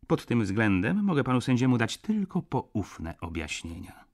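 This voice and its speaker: A man's voice: medium pitch, sing-song, normal speed, a little mellow, pitched above the performer's own voice. A man reading an audiobook, voicing a smug young male student who speaks with sweet, mocking politeness. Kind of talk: audiobook character voice.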